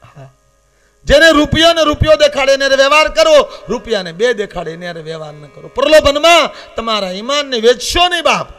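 High-pitched impassioned Saurashtra preacher. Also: male voice, very animated, fairly quick. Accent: Saurashtra Gujarati. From Gujarat, India. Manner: impassioned, swings between loud warnings and low confiding asides. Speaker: Shiva katha preacher. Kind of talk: devotional katha sermon. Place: open-air katha gathering with live accompaniment.

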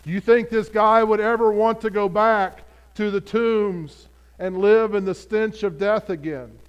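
A male pastor with a high voice delivers a sermon in an earnest, conversational tone. He speaks straight to the congregation and often stops to ask them direct questions. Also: fairly even intonation, unhurried, smooth, dull audio.

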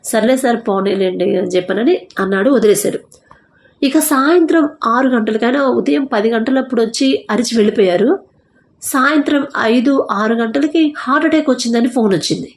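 A woman's voice: fairly high pitch, moderate pace. Earnest woman telling a faith testimony. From India. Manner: retells dialogue in quoted voices, earnest and conversational. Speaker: testimony speaker.

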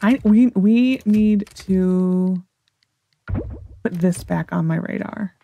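An American woman with a General American accent hosts a gaming video, rambling through casual gameplay commentary as she thinks aloud to herself. Her mid-range voice has drawn-out words and vocal fry, and the lo-fi recording carries a little hiss or hum.

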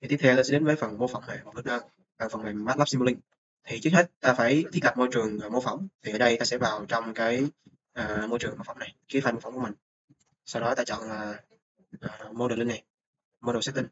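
A man's voice: medium pitch, steady tone, quick pace, a bit bright. A young man, a student presenting a course report over a screen recording, talking hesitantly with many filler sounds. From Vietnam. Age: young adult. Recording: dull lo-fi mic with faint noise.

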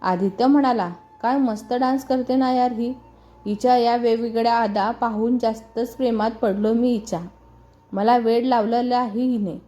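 A woman reading a serialized family story aloud, voicing all the characters' lines in her own lively storytelling voice. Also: on the high side, normal speed. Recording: muffled voice over background music.

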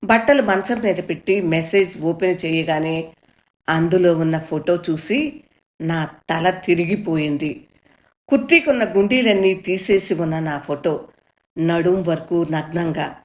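Brief: woman storyteller, lowish voice, earnest emotive first-person reading. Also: unhurried, darkish tone.

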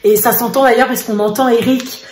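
A woman's voice: a little high, fairly quick. Chatty woman vlogger in an echoey room. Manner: animated storyteller, lots of fillers. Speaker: vlogger mother. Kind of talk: casual chat. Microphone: face camera.

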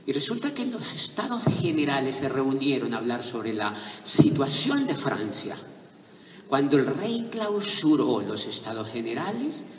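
Man, motivational speaker, lively storytelling, roomy distant sound with faint noise behind. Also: mid-range voice, measured pace. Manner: animated storyteller who builds to emphatic, raised-voice points. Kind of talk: storytelling talk to a live audience. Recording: echoey hall, voice picked up from a distance.

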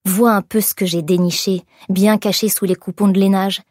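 A woman's voice: medium pitch, fairly even intonation, normal speed, a little mellow, no echo, studio quality, close to an everyday voice. A woman voicing a sneering drunken shop clerk. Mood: taunting. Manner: sneering, taunting. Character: leering drunken male shop clerk, mocking.

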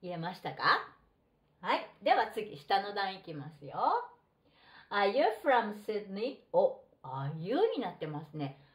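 A middle-aged woman teaching a textbook English lesson, reading model phrases slowly and deliberately. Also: lowish voice, expressive, a little mellow. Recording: roomy echo.

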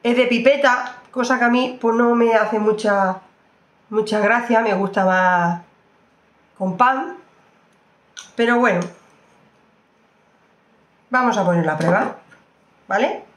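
A woman's voice: fairly high pitch, slow, pauses often, echoey room. A woman doing a casual makeup review, chatty and exclamatory, often repeating her phrases. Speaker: beauty vlogger.

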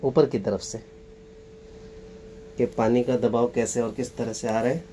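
A man's voice: medium pitch, fairly even intonation, warm tone. Man narrating a walk by a waterfall. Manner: guiding, pointing things out to viewers. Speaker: travel vlogger. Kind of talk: casual on-location tour narration. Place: outdoors by a waterfall. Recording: faint noise from rushing water outdoors. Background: rushing water and outdoor ambience.

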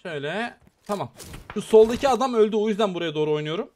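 A man giving excited, chatty live commentary on a mobile shooter game, talking straight to his viewers as he plays. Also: high voice, fast, slight background noise. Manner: excitable, chatty, talks to viewers while playing. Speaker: gaming YouTuber.

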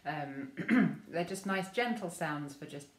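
An English woman leading a memory choir through gentle vocal warm-ups, speaking softly and encouragingly with frequent ums. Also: low voice, expressive, takes it slowly, roomy sound. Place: room at home with rain on the window.

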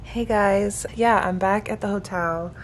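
Over music, a woman of twenty-five reflects casually to her camera, held at arm's length in a hotel room. Her medium-pitched voice stays steady and a little slow, earnest, thankful and talkative.

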